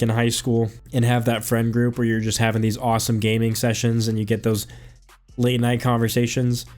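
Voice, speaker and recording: Young gamer guy talking in a flat monotone, soft music under him. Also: medium pitch. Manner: monotone, reflective. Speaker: gaming YouTuber. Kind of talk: casual talk over gameplay.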